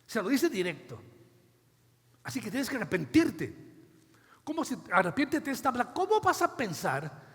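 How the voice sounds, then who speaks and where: A man preaching a sermon as a pastor, dramatically acting out biblical dialogue with big swings in loudness, with a Costa Rican accent. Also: extremely high pitch, huge pitch swings, normal speed, pauses often. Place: church hall. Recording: long church reverb.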